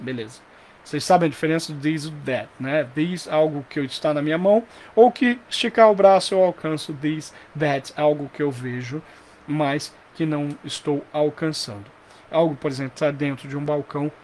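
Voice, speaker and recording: Animated Brazilian man teaching English. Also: fairly high pitch, a little hiss or hum. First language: Portuguese. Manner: animated, repeats example phrases slowly. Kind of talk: online English lesson.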